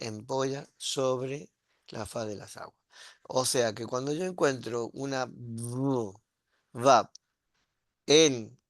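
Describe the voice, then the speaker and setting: Slow, patient man teaching. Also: mid-range voice, a bit bright, dry recording, studio quality. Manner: patient, explaining step by step with frequent "¿sí?" and "¿ves?" checks. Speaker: Hebrew teacher. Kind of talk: classroom grammar lesson.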